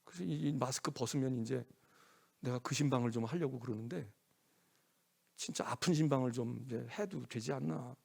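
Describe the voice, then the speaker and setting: A middle-aged man preaching a sermon in a church, animated, acting out scolding parents in quoted voices. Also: medium pitch, normal speed, vocal fry, slightly rough. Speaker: pastor.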